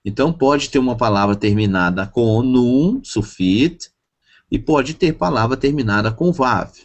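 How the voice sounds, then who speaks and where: A man teaching a class, speaking slowly and repeating each word for his students to drill pronunciation. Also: medium pitch, lively intonation, highs cut off. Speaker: Hebrew teacher. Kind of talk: classroom lesson.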